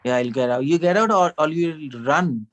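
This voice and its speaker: A man's voice: a little high, normal speed, fairly bright tone, highs cut off. A man giving a sermon to a small gathering, talking in a conversational way, asking the audience questions and laughing often. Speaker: speaker at a devotional gathering.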